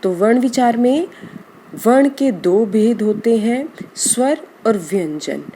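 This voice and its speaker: A woman with a slightly high, mellow voice teaches a grammar lesson. She speaks very slowly and drawn out sounds serve as examples. A faint hum of noise sits behind her. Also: animated. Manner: slow, deliberate explanation, drawing out example sounds.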